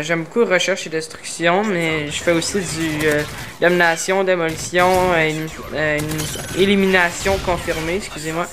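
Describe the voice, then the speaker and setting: A man's voice: on the high side, background noise. Hesitant young-sounding Québécois gamer guy. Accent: Québécois French. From Quebec, Canada. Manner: hesitant, many filler sounds and restarts; tries to articulate carefully. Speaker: gaming YouTuber. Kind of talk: casual channel introduction over gameplay.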